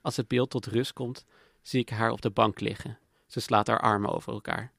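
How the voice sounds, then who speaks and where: A man giving calm, matter-of-fact, intimate first-person narration in a scripted documentary. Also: mid-range voice, moderate pace, creaky, no echo. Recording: dry close voice-over with faint music.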